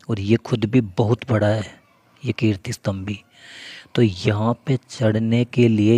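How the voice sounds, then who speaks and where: Low, flat-voiced man teaching mnemonics. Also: dry recording. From Rajasthan, India. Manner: asks questions and answers them himself; addresses viewers as friends. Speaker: exam coaching teacher. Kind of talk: mnemonic lesson explaining.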